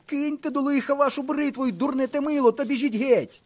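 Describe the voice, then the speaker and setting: A man voicing a panicked young male officer who shouts hysterically in a shrill voice. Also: a little fast.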